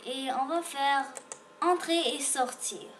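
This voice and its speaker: A woman with a high, fairly bright voice gives a slow reading lesson for beginners as a French teacher. She sounds out the letters, repeats each word with patience, and a little hiss or hum sits in the background.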